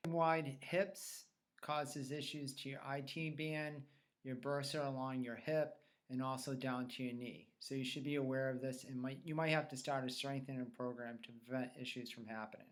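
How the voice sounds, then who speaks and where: Speaking as a fitness trainer in a tutorial, a man explains self-tests plainly and gives instructions step by step. He has a steady, medium-pitched voice and a moderate pace.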